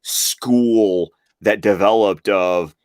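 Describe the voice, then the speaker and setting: A low-pitched man talking through a novel with a friend, eager and explanatory, often stopping to correct himself. The sound is dry and close, with no room echo. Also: drawn-out words, a little mellow. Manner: enthusiastic, explanatory, self-correcting. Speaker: guest. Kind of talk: casual book discussion.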